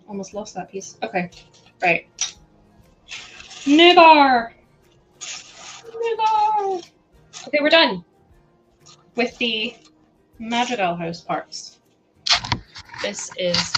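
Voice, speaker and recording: A Scottish woman with a voice on the high side chats casually on a live stream while sorting building parts, giggling often as she answers her chat. The recording is rough.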